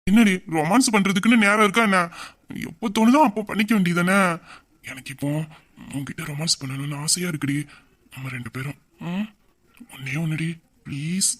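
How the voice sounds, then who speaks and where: A performer voicing a rough, mischievous young husband who teases and pleads with his wife in an audio drama. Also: mid-range voice, quick pace, close to an everyday voice. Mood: affectionate. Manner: teasing and pleading, loud yelps of pain. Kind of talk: Tamil audio drama dialogue.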